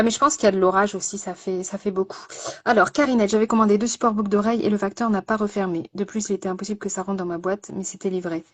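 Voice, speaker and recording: A woman in a casual live-stream, a makeup artist presenting a product with many fillers and repeated words. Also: medium pitch.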